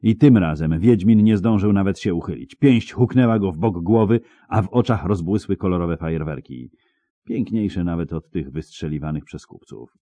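Very deep-voiced male audiobook narrator. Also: moderate pace, mellow, no echo. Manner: dramatic, vivid storytelling.

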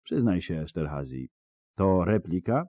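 A man's voice: deep voice, expressive, measured pace, no echo, dull audio. A man voicing a harsh, menacing bounty hunter in an audiobook, curt and growling. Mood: gruff. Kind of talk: audiobook character voice.

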